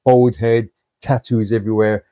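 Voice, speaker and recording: Recorded cleanly in a studio without echo, a man with a fairly low, mellow voice talks at a moderate pace with flat delivery. As an interview guest, he relates blunt, streetwise stories from his own experience, often dropping in "you know."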